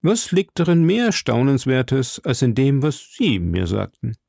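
A man playing a coldly mocking aristocratic lord who speaks in a smooth, measured and sneering way. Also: mid-range voice, big pitch swings, darkish tone, dry recording, clean studio sound, pitched above the performer's own voice, heavily acted.

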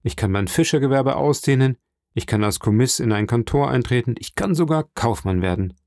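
A brooding, jealous young fisherman, as a male audiobook reader plays him, pressing his case with low insistence. His voice sits at an ordinary middle pitch. It is recorded dry and close. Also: animated, a little fast, darkish tone, dry recording, lightly acted. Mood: pleading, jealous. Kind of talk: audiobook reading.

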